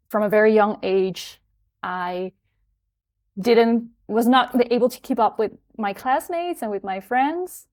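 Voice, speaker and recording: A woman from the Netherlands in her thirties, a guest in an interview, talking reflectively with fillers and soft laughs. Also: mid-range voice. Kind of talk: conversational interview.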